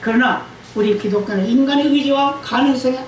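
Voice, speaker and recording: A woman's voice: high-pitched, a little fast. A woman pastor preaching a Sunday sermon who quizzes the congregation and calls for amens. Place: church sanctuary. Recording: echoey church hall, distant mic, faint hiss.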